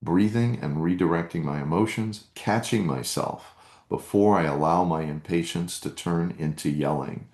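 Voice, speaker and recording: A man's voice: low voice, normal speed, darkish tone, roomy sound. A man hosting a live meditation workshop, coaching earnestly and reading out chat comments.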